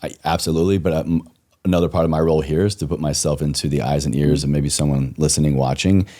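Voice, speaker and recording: A man hosting a podcast, chatting with a guest in an affirming manner, quick to laugh and often murmuring agreement. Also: extremely low pitch, flat delivery, warm tone. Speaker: podcast host. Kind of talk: casual interview conversation.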